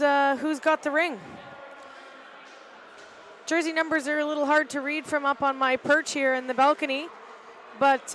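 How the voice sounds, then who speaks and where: A middle-aged woman giving casual, halting live play-by-play commentary from an arena balcony, with lots of "uh" fillers. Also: high voice, a bit bright, a little hiss or hum, poor audio. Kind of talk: live amateur sports commentary. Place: arena balcony above the rink.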